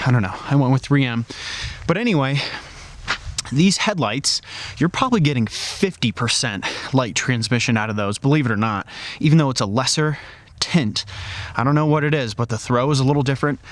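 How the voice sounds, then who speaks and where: Guy doing a chatty car walkaround outside, freezing cold, breathing kinda hard, lots of "like"s, pretty average pitch. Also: fairly quick. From Colorado. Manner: chatty, loose, lots of "like" fillers. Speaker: car vlogger. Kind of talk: casual walkaround vlog. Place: outdoors beside a car in freezing weather.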